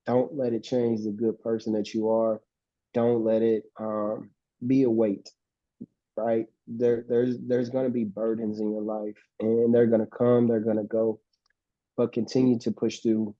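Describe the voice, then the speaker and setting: A man's voice: lowish voice, flat delivery, unhurried, dry recording. A man speaking as a guest to students, giving motivational advice in an earnest way that repeats his urgings. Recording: dull, dry, muffled mic.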